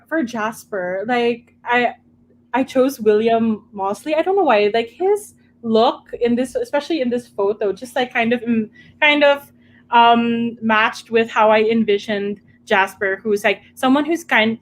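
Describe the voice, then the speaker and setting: A woman chatting casually about books as a club member, in a halting, thinking-aloud manner. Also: a little high. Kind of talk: casual book chat.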